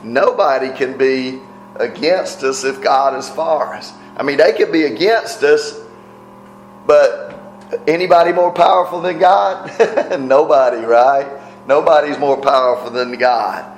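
Male preacher, mid-pitched voice, casual sermon delivery in a reverberant room. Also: measured pace, faint music behind. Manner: conversational, rhetorical questions, frequent "right?". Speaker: pastor.

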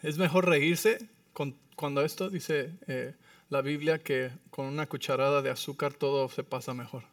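A man preaching from the pulpit with a bright, high-pitched voice and a humorous, storytelling delivery that keeps asking the congregation whether they follow. He sounds a bit off-mic, and the room gives back almost no reverb. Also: moderate pace, clean studio sound, recorded from a distance. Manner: lively, humorous storytelling with frequent tag questions. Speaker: pastor. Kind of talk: sermon. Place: church sanctuary.

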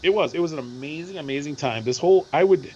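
A middle-aged man with a hoarse voice, co-hosting a podcast and telling a rambling, animated story with lots of repeats. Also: fairly high pitch, quick pace, lo-fi sound. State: hoarse from screaming at a concert. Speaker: podcast co-host. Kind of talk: casual chat.

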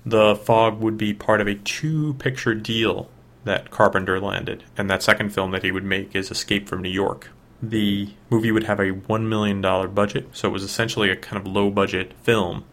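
A man's voice: lowish voice, a bit bright. A man hosting a film review, reading scripted narration about film history.

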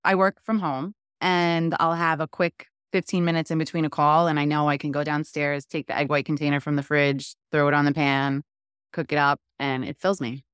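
A middle-aged woman with a New York accent hosting a podcast, chatty and open with quick asides. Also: sits low, little pitch movement, a bit bright, clean tone, no echo, studio quality. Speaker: podcast host. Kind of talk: casual interview chat.

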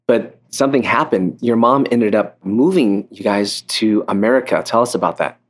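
A man's voice: on the low side, moderate pace. A middle-aged man hosting an evangelical radio interview, chatty and enthusiastic, often cutting in with "wow". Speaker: radio show host, evangelist.

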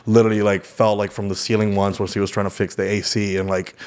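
A man's voice: lowish voice, little pitch movement, quick pace, darkish tone. A young man from Mexico, a guest comedian telling stories in a laid-back, casual podcast chat. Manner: laid-back, storytelling, lots of fillers.

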